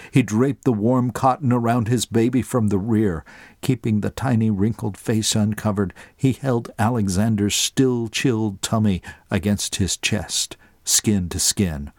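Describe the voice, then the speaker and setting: A man narrating a story as an audiobook in a measured way, slowing down for dramatic moments. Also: on the low side, steady tone, a little mellow, dry recording, clean studio sound.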